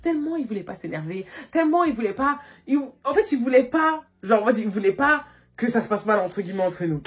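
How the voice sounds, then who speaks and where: A woman vlogger telling a story in a casual, animated way, talking loosely and full of filler words, recorded on a phone. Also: a little high, a little fast, husky. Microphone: phone camera.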